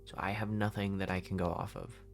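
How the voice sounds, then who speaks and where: A man's voice: low voice, level tone, a little fast, gravelly, faint music behind. A man voicing a weary male leader in a casual voice-acted roleplay, reasoning aloud and restarting his sentences. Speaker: roleplay lead.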